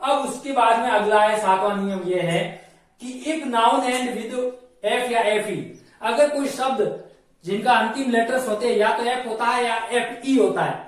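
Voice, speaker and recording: High-voiced male teacher in an echoey room. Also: distant mic. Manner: explains slowly, repeats rules, spells words letter by letter. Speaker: English grammar teacher. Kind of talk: classroom grammar lesson.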